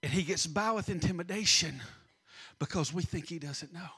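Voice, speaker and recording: A middle-aged man preaching a sermon, swinging between loud emphasis and hushed asides. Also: a little high, moderate pace, breathy edge. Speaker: pastor.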